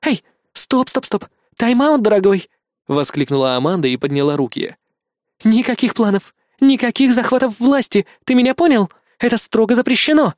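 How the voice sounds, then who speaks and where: A man's voice: high-pitched, expressive, a little fast, a little mellow, no room sound, pitched above the performer's own voice. A male reader voicing a scheming alien woman who controls a host body, mocking and bossy, recorded close on a dry studio mic. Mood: commanding.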